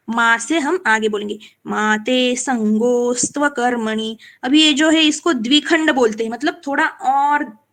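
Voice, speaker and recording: A woman whose voice is a little high and a bit bright teaches Sanskrit verse recitation live. Patient in her explanations, she confirms students are with her and chants lines slowly to demonstrate.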